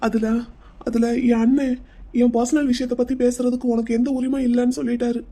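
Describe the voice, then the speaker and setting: A woman's voice: a little high, flat delivery, a little fast, warm tone, lightly acted. A woman voicing a stubborn young man in a cartoon who brushes off questions and then opens up. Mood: upset explaining. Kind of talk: cartoon voice acting.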